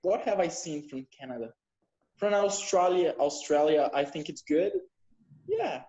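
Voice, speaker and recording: A participant speaks hesitantly in a casual online chat and pauses to search for words. The call audio sounds roomy and dull. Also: mid-range voice, expressive, warm tone. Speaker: meeting participant. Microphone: video call.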